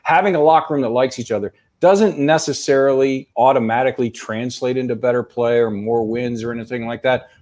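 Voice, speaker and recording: A man co-hosting a casual sports podcast, talking in a measured, explanatory way. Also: medium pitch, a little mellow. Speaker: podcast co-host.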